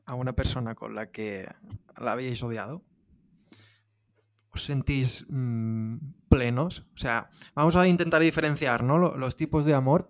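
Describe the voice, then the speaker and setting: A man's voice: mid-range voice, no echo. Reflective man, dry close sound. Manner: reflective, searching for words. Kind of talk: casual chat.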